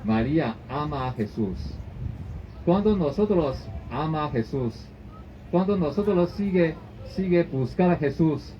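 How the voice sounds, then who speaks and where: A man delivers a church sermon at an unhurried, deliberate pace, often restarting and repeating his phrases. The recording is dull and lo-fi, with a faint hiss underneath. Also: a little high, lively intonation. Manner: halting, repetitive phrasing with frequent restarts. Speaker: pastor. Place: church service.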